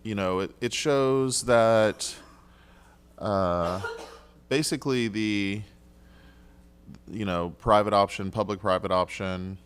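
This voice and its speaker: Council member, male, lowish clean voice; polite, halting questions, desk mic in chamber. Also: clear, resonant tone. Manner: polite, halting, thinks aloud with restarts.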